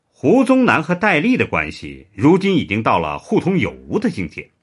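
A man narrating a serialized historical story in an expressive, animated way. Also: fairly high pitch, normal speed, husky.

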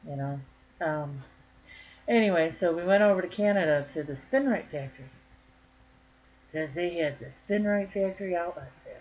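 Speaking at a moderate pace with frequent pauses, a northern Michigan woman with a fairly low voice chats to her camera about crochet. Her tone is folksy and jokey, though the lo-fi audio comes across somewhat muffled.

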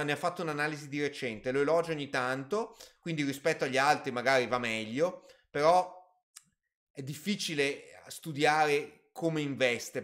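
A man with a slightly high, fairly bright voice hosts a finance channel's casual live stream. He reads out viewer questions about personal finance and answers them on the spot, hedging and adding asides.

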